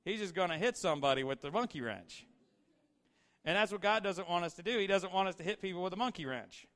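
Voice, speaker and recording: A man's voice: sits high, fast talker, fairly bright tone. A man preaching a casual, storytelling sermon, asking the audience questions and saying "you know" a lot. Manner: filler-heavy, repeats "you know". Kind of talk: conversational sermon. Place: large hall with slides. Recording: long hall reverb.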